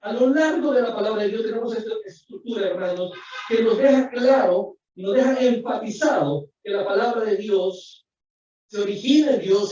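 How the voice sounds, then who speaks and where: Guy preaching, loud and repeats himself a lot, really echoey church, faint hiss. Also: high-pitched. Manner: emphatic, repetitive preaching, addresses listeners as brothers. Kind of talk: sermon. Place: church sanctuary. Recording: echoey distant lo-fi church recording.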